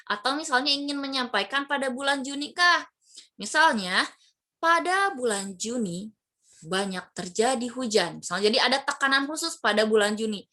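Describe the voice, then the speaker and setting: A woman's voice: high-pitched, sharp tone. A woman teacher giving an online lesson to her class, explaining patiently with many fillers and rhetorical questions.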